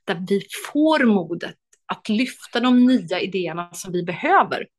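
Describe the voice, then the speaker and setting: A woman's voice: medium pitch, lively intonation. A woman, an author and lecturer, talking enthusiastically as an interview guest, with many hesitations.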